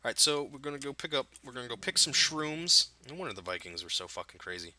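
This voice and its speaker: A man's voice: medium pitch, big pitch swings, fast talker, sharp tone. A man giving casual, profane, jokey commentary over his own gameplay and talking back to the game characters.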